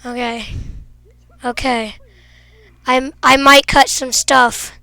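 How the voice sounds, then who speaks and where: A young woman with a high, bright voice gives goofy, teasing commentary while she plays a game. She jokes with her teammates and now and then bursts into excited shouts. The sound is close and dry, with no room around it. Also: slow pace, gravelly, no room sound. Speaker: gaming video creator. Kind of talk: playful gameplay commentary.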